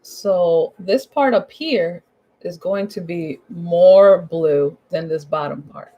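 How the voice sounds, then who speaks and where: Slow and on the low side, a woman with a hoarse, husky, dark-toned voice leads a casual painting tutorial at home step by step. She chats informally and repeats her instructions, and the audio sounds dull.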